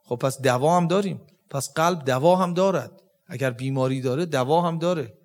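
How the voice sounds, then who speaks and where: High-voiced man giving a religious lecture. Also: a little mellow. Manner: explanatory, quotes Arabic verses and rhetorical questions. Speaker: religious teacher.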